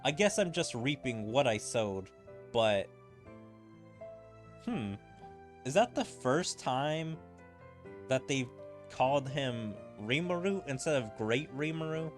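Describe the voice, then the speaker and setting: A young man with a medium-pitched, expressive voice streams a game, offering casual commentary on what happens on screen. He's chatty and amused, with quick laughs, and faint music plays in the background.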